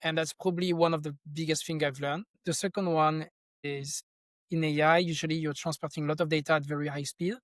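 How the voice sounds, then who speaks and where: The speaker is a middle-aged French tech company founder with a French accent, guesting on a podcast. His fairly high voice carries a level tone and a brisk pace as he talks casually and thoughtfully, rambling and restarting often, on a dry recording.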